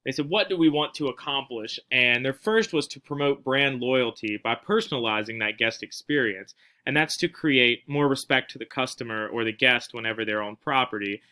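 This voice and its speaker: Bright, clear-voiced young man presenting. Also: medium pitch, moderate pace, hardly any pauses. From not from Spain. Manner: casual, with frequent fillers and restarts. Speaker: student presenter. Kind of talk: recorded class presentation.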